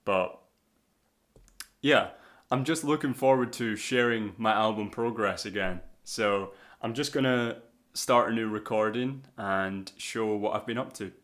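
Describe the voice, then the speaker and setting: Brief: male songwriter vlogging, lowish voice, loose rambling delivery, filler-heavy. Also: unhurried, a bit bright. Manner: loose and rambling, with filler words and tag questions. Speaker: songwriter sharing album progress. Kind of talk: casual vlog talk.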